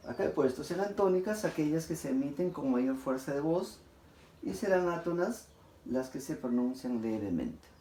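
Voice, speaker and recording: A man lectures like a teacher at the front of a class, his voice a bit high and mellow. He drags out example words slowly and keeps checking in with his listeners. The room is echoey, with faint noise underneath. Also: animated.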